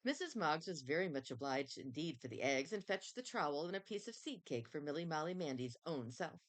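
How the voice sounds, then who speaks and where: Brief: a gentle woman reading a children's storybook, slightly low pitch. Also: very animated, a little fast.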